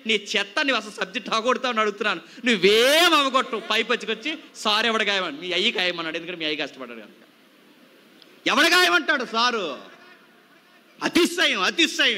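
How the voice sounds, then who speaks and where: A man's voice: very high voice, bright, forceful tone. A male preacher giving a youth sermon, scolding his listeners with a stream of rhetorical questions.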